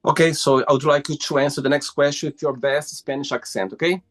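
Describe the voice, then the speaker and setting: A man's voice: fairly high pitch, steady tone, fast, faint music behind. Playful male host asking questions. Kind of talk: casual interview conversation. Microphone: video call.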